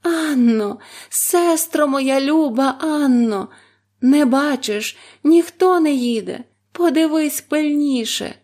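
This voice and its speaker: A woman's voice: on the high side, fairly even intonation, normal speed, darkish tone, voice pushed up. A woman playing a desperate pleading young wife. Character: terrified young wife pleading for her life.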